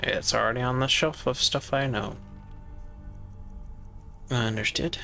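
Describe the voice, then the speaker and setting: Man, game streamer, rambling self-talk, gravelly tone, faint music behind. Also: mid-range voice, a little slow, pushed and bright. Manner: rambling, talks to himself while playing. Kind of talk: casual gameplay commentary.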